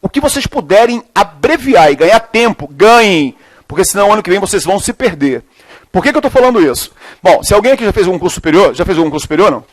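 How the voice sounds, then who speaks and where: A middle-aged man teaching a chemistry class, informal and joking, alternating slow dictation with fast, animated asides. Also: high voice, no echo. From Brazil. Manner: lively, informal, jokey, switches between slow dictation and fast talk. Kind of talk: classroom lecture, dictating problems.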